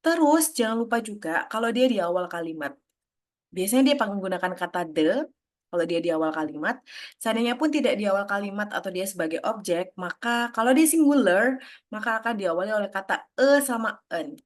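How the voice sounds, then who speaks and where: A woman's voice: medium pitch, animated, fairly quick. Woman teaching grammar in an explanatory way. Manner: explanatory, mixes English terms into Indonesian, asks students questions. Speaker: English teacher. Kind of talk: online grammar lesson.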